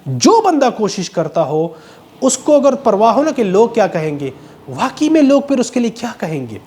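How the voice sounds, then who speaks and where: A man's voice: very high-pitched, very animated, dark tone. A man giving an emphatic, preachy motivational talk straight to his viewers. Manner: emphatic, preachy, calls listeners "brother". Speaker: motivational speaker.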